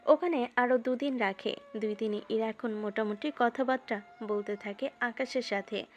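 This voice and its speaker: A woman's voice: on the high side, normal speed. A woman reading scripted narration for a romantic story.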